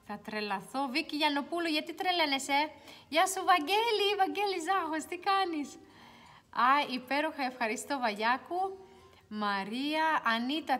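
Chatty young woman on a livestream. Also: high-pitched. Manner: chatty, reads viewer comments aloud, drops to quiet mutters while searching. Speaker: beauty livestream host. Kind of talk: casual livestream chat. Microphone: phone.

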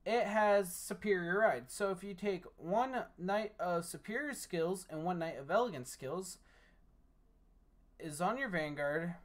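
A tired deck reviewer walking through a card game deck casually, reading card text aloud between remarks. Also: medium pitch. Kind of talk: casual deck profile walkthrough.

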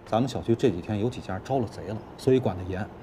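An actor playing an apologetic, fawning property manager. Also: male voice, on the low side, fast, mellow, slight background noise, lightly acted. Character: apologetic obsequious building manager. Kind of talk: TV drama acting.

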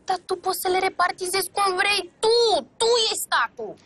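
A woman's voice: very high-pitched, lively intonation, fairly bright tone. An actress playing a pushy secretary who wheedles her boss for an apartment. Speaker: mayor's secretary. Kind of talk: sitcom acting.

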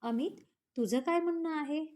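A mock-scolding family elder woman, read by a woman storyteller with a high, mellow voice. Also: moderate pace, close to an everyday voice. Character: older female elder of the house, teasing and stern.

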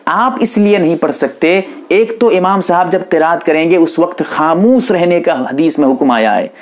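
A man's voice: on the high side, moderate pace. A man with an Indian accent teaching how to pray behind an imam, explaining patiently and repeating key points. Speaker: Islamic scholar teaching prayer rules. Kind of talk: religious instruction lecture.

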